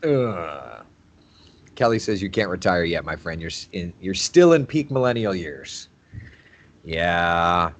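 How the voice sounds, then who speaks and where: A chatty TV meteorologist in his thirties reads viewer comments on a laid-back livestream, laughing readily and repeating phrases. He speaks slowly in a low-pitched voice marked by big pitch swings.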